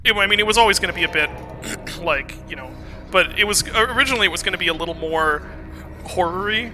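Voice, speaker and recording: High, very bright-voiced man. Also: animated, fast, faint music behind. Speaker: game developer on a commentary stream. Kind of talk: casual dev commentary chat.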